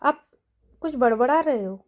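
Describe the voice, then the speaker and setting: A woman voicing a caring young woman assistant who speaks gently and asks questions. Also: high-pitched, expressive, a little slow.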